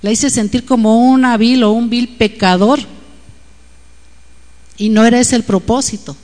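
A woman's voice: on the high side, fairly even intonation, unhurried, mellow. Chatty Mexican woman teaching Bible, reverberant. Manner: chatty, confiding, frequent tag questions. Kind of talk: informal devotional talk.

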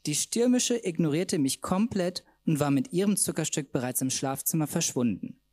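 A man's voice: on the high side, lively intonation, normal speed, dark tone, no room sound. A man reading aloud from his own comic novel at a literature festival, camp and mocking in tone.

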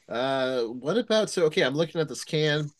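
A man's voice: fairly high pitch, no echo. A man co-hosting a casual beer-review podcast, joking and laughing as he talks. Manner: joking, animated, laughs a lot. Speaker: podcast co-host. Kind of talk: casual chat reviewing beers.

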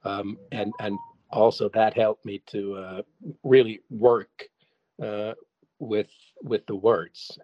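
Slow and steady in tone, a German-speaking songwriter with a fairly low voice casually fields questions as an interview guest. He hesitates often, full of fillers and restarts. The recording is dull, without echo.

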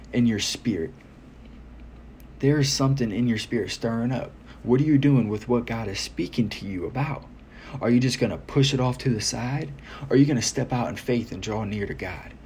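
A man's voice: mid-range voice, darkish tone. Earnest man preaching informally, noisy recording. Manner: earnest, exhorting, repeats phrases for emphasis. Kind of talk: informal sermon to listeners. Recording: noticeable background noise.

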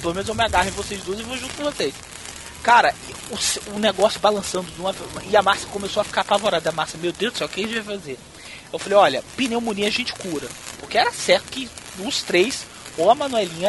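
A man from Brazil telling a wild story in a casual, profane and animated way, acting out what people said. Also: sits high, noisy background. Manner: profane, animated storyteller who acts out quotes. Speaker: podcast host.

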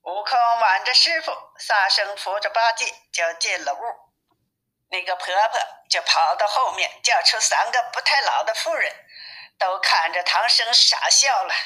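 Bright-voiced woman reading a storybook. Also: medium pitch, unhurried, poor audio. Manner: plain, steady narration.

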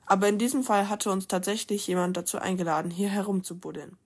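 Woman, casual read-aloud, stumbles and self-corrects, even voice. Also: medium pitch, fast talker, breathy edge. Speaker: reader. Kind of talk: reading a novel aloud.

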